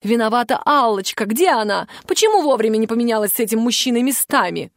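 A woman voicing a flustered theatre staff woman defending herself in a raised, high voice. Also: expressive, fast talker, no echo, studio quality. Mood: defensive.

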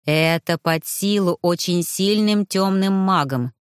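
Lady doing a lower, grim old ghost grandpa, lecturing, dry sound. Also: takes it slowly, clear, resonant tone, no echo. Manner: instructive, grim. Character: old male ghost, stern great-grandfather and former mage.

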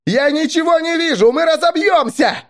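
A man voicing a panicky male truck driver whose nerves are fraying, shouting in fear. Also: a little high, moderate pace, pitched above the performer's own voice, close to an everyday voice. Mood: yelling.

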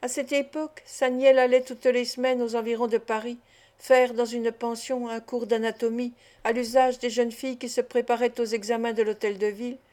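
A woman narrating a classic novel as an audiobook, in a measured, even reading. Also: a little high.

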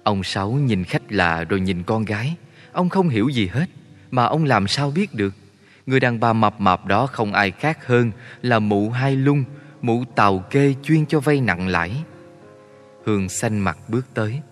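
A man's voice: fairly low pitch, faint music behind. Man narrating a story. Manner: steady, measured storytelling. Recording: long reverb.

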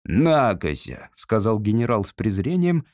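A man reading a classic comic short story aloud as an audiobook narrator, measured and expressive. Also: medium pitch, no room sound, studio quality. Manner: measured, expressive storytelling that shifts into character voices.

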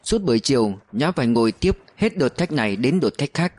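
A man reads a novel aloud in steady audiobook narration. His voice sits in the middle of the range, and the recording is dry and close with no room echo. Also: mid-range voice, brisk. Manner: steady storytelling.

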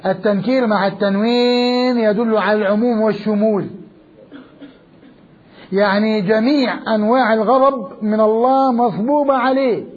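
A man teaches a Quran commentary class in a notably high, husky voice. He is emphatic and drives his points home by repeating words and asking rhetorical questions. The recording sounds dull and lo-fi. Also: steady tone, normal speed. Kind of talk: classroom lecture.

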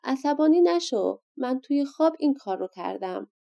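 A fussy old grandmother who scolds and coaxes in a raised, mellow voice, as a woman narrator puts her on. Her tone is pitched well above the narration. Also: very animated, vocal fry, lo-fi sound, heavily acted. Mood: coaxing.

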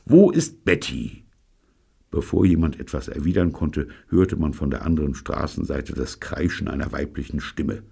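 Older man, audiobook narration, very deep voice, gravelly, husky, lively and wry. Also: moderate pace, few pauses. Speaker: audiobook reader.

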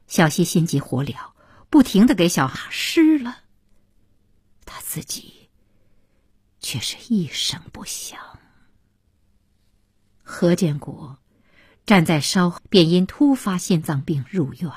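A woman narrating a novel in an audiobook, her voice low, soft and very breathy, almost husky. She reads slowly and steadily. The recording is close and completely dry. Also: very animated, dry recording. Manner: soft, hushed, breathy reading.

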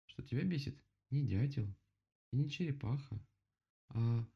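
A man voicing a gentle, patient female bear in a children's story, calm and careful. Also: medium pitch, measured pace, vocal fry, breathy edge, voice pushed up, heavily acted. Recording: dull lo-fi recording.

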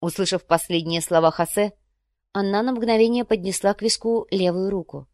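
A woman reads scripted audiobook narration in a steady, even storytelling style. Her voice is mid-range at a normal speed, and the studio-quality recording has no echo.

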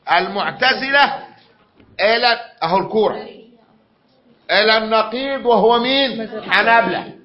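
A man whose voice sits high lectures a class in Egyptian-accented Arabic, repeating points and quizzing his students. Slight background noise creeps into the dull, lo-fi recording made in a lecture room.

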